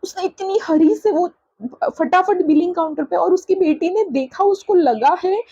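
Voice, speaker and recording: A woman's voice: extremely high pitch, normal speed, mellow, dry recording, dull audio. A woman, a mother, telling a vlog story about an upsetting incident in an indignant, casual way. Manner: indignant, recounting an incident with quoted dialogue. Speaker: vlogger, mother.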